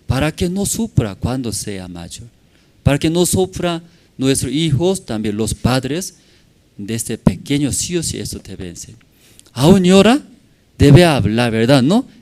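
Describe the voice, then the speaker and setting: During a Sunday church service, a male pastor preaches a sermon in short, simple phrases, repeatedly checking in with the congregation. His mid-range voice swings between loud, emphatic bursts and quiet asides.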